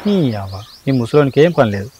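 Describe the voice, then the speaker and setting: A man's voice: mid-range voice, lively intonation, quick pace, over music, lightly acted. A man with a Telangana accent playing a confused young village husband who keeps asking questions. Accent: Telangana Telugu. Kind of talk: village comedy skit acting.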